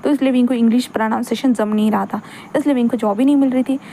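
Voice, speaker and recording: A woman's voice: a little high, steady tone, rapid-fire, warm tone, slight background noise. A woman narrating a fan-fiction story in a chatty, rambling way, tossing in English words. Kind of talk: casual fan-fiction retelling.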